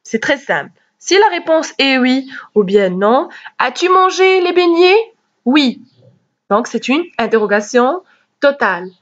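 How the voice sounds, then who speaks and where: A woman teacher giving a grammar lesson, explaining slowly and carefully and acting out questions with rising intonation. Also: on the high side, lively intonation. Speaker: French teacher. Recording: dull, lo-fi recording.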